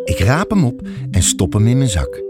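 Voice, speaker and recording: A man narrating a children's audiobook fairy tale in an expressive storytelling manner. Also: mid-range voice, normal speed, loud music behind the voice.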